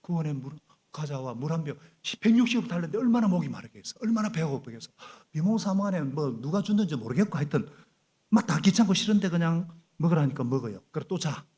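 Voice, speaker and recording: A middle-aged male pastor preaching a sermon in a church, animated and prompting the congregation to repeat after him. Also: a little high, fast talker, husky. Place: church sanctuary.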